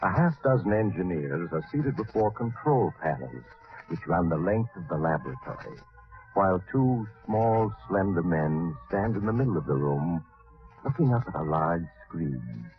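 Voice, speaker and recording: A man playing an eerie, suave storyteller who narrates 1940s radio suspense in a measured, theatrical way. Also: low-pitched, big pitch swings. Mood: grave, suspenseful. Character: eerie, suave male storyteller, the Mysterious Traveler. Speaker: narrator and host. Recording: old radio broadcast, tinny, music bed.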